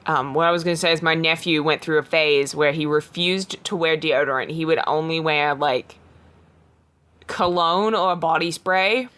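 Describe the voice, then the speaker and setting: Lower-voiced woman, casual podcast reader. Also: fairly even intonation, normal speed, a bit bright. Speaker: podcast host reading a gamebook aloud. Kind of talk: casual chat and storybook read-aloud.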